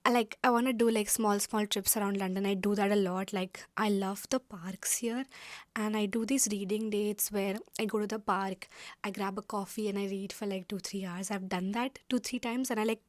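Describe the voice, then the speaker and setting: A woman's voice: mid-range voice, fairly even intonation, normal speed, no room sound. A young woman from India vlogging casually to camera from her room, chatty and full of fillers. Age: young adult.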